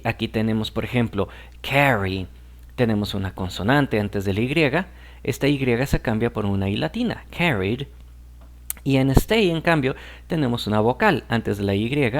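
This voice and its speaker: A man whose first language is Spanish, teaching English grammar in a patient explaining style and often checking that the listener follows. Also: medium pitch.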